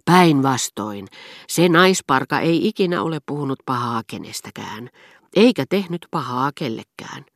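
A woman reading the part of a witty, sharp-tongued duchess in an audiobook, emphatic and mocking. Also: a bass voice, animated, no room sound, clean studio sound. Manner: emphatic, mocking, earthy chest voice.

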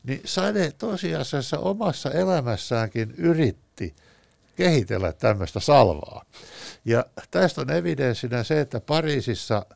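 A man's voice: medium pitch, animated, gravelly, a little mellow, no echo. A man, a guest author on a talk show, discussing ideas in a thoughtful, anecdotal way with frequent hesitations.

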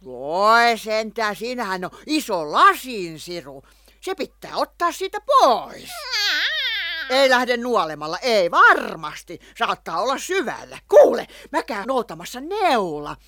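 A woman's voice: on the high side, sing-song, bright, forceful tone, dry recording, clean studio sound. A fussy lovestruck witch. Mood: fussing. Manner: fussing, exclaiming, coos to her cat. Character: lovestruck chatty witch woman, fussy and fond. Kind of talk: radio play acting.

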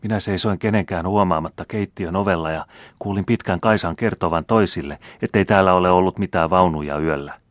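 A man's voice: low voice, hardly any pauses, no echo, lightly acted. A man reading the part of an anxious young noblewoman who speaks breathlessly and pleads.

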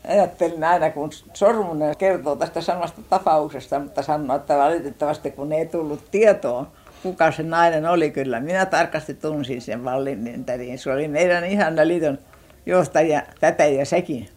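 An older woman from Finland recounting childhood memories in an unhurried oral-history style, often pausing to search for words and restarting her sentences. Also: low-pitched, darkish tone.

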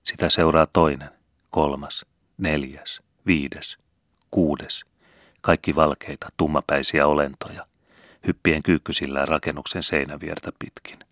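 A man reading a story aloud as an audiobook narrator, in a measured storytelling delivery. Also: a bass voice, fairly even intonation, a bit bright, dry recording, clean studio sound. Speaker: audiobook reader. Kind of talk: scripted narration.

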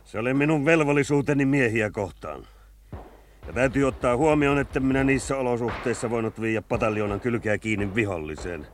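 A calm, steady officer explains his decisions evenly in a radio play, played by a man. His voice is mid-pitched and level. He sounds set back from the microphone, with faint hiss. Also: recorded from a distance, lightly acted. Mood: composed. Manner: even, composed reporting. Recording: off-mic radio recording.

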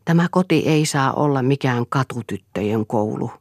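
A woman's voice: rumbling low, expressive, darkish tone, dry recording, studio quality. A woman reading an audiobook, voicing a tense, controlled, reproachful wife who speaks firmly and with restraint. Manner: firm, restrained, pleading. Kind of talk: audiobook character voice.

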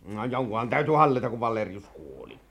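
An actor playing a boisterous, bragging adventurer turned rebel colonel who bellows military commands, in a vintage radio drama. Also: male voice, fairly low pitch, sing-song, creaky, a bit bright, exaggerated voice. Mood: scheming, boastful. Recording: noisy old radio play, crowd behind.

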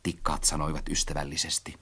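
A man's voice: rumbling low, little pitch movement, vocal fry, sharp tone, slightly rough. A man narrating a story as an audiobook, reading expressively and acting out his own quoted lines.

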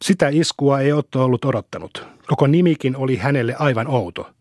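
A man narrates a classic novel as an audiobook, calm and steady. His voice sits at an ordinary middle pitch. The sound is close-miked and dry, with no room around it. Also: no echo. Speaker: audiobook reader.

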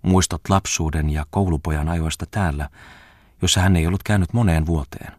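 A man reading a classic novel aloud as audiobook narration, steady and measured. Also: sits low, dry recording, studio quality. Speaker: audiobook reader. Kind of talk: scripted narration.

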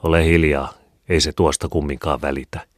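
Storybook: practical, plain-spoken neighbor woman, voiced by a deep-voiced male reader; dry and close. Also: level tone, no room sound. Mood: blunt. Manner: blunt, matter-of-fact.

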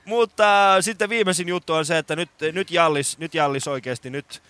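A man's voice: on the high side, bright, forceful tone, clean tone. Playful, joking radio host man. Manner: playful, mock-solemn, joking. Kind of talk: jokey radio chat.

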